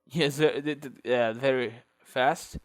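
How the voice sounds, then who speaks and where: Speaking slowly and steadily at medium pitch, a man walks through a screen-recorded tech tutorial. His English carries a Brazilian Portuguese accent from his first language, and he thinks out loud, filling pauses often.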